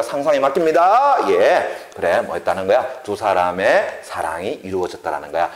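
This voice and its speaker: A male literature teacher giving an exam-prep lecture. He asks questions and answers them himself, often checking that students follow, and he is playful at times. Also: medium pitch. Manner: playful, acts out quotes. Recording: roomy echo.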